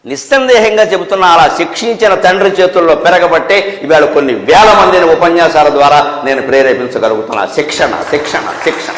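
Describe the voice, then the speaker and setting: High-voiced man preaching in an echoey hall. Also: fairly bright tone. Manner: scolding, rhetorical questions, wry humour. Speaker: spiritual discourse speaker. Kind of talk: Telugu spiritual discourse. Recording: echoey hall with long reverb.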